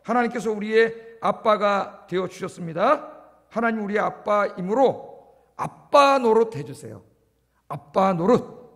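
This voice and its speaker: High-voiced male pastor preaching in a reverberant hall. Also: animated, measured pace, fairly bright tone. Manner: asks the congregation questions and answers them himself; repeats key words for emphasis. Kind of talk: sermon. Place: church sanctuary.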